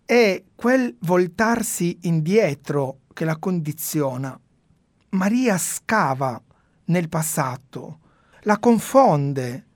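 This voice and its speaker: Slow, reflective woman giving a radio sermon. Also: lowish voice, a little mellow, dry recording. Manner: slow, reflective, with pauses and fillers. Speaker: radio Gospel commentator. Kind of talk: spoken sermon commentary.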